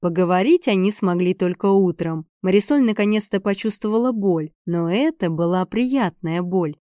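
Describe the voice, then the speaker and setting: Woman audiobook narrator, measured reading, warm mellow voice, dry close sound. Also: mid-range voice, dry recording. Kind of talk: scripted narration of a romance novel.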